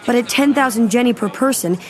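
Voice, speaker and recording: A woman's voice: on the high side, fairly quick, crowd noise, noisy background, close to an everyday voice. A woman voicing a cool, cheeky young boy in a cartoon dub, dry and offhand. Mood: dry, teasing. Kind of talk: animated dub dialogue.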